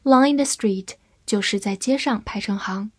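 A woman giving a scripted vocabulary lesson, spelling words out letter by letter and reading example sentences slowly. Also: medium pitch, husky, no echo. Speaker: English teacher.

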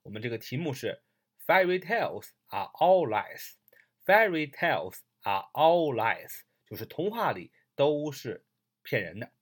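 Brief: animated language teacher, pitch swinging up and down, repeats phrases slowly with drawn-out "ah"s, audio lesson. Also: slightly rough. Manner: explains in Chinese, repeating English phrases slowly, with frequent "ah" fillers. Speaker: English teacher. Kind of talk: recorded audio vocabulary lesson.

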